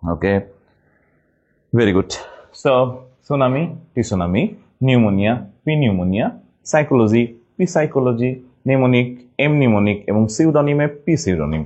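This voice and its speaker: Husky man drilling spellings slowly. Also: mid-range voice, lively intonation, darkish tone, highs cut off. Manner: repeats words slowly, syllable by syllable. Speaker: English spelling teacher. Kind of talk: online spelling class for admission exams.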